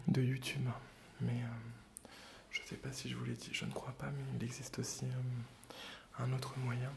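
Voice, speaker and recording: A man hosting ASMR in a gentle, hesitant whisper, very close in the ear on binaural microphones. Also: mid-range voice, vocal fry, background noise. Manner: gentle, soft-spoken. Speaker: ASMR video host. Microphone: close binaural stereo microphones.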